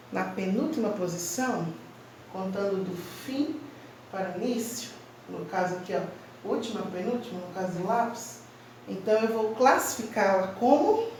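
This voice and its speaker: A woman teacher giving a slow, emphatic grammar lesson to children, stressing each syllable clearly. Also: medium pitch, darkish tone, far from the mic, slight background noise. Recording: very echoey room, voice from off-mic.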